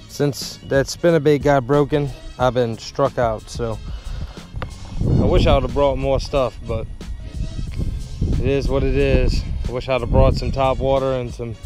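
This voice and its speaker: A relaxed man in his thirties talks on a fishing vlog, his voice caught on an action camera outdoors by a windy lake. Music plays clearly behind him, and he rambles easily as he casts. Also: mid-range voice. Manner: laid-back, rambling, talks to himself while casting. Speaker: fishing vlogger. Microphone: action camera, head-mounted and handheld. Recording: background music under the voice.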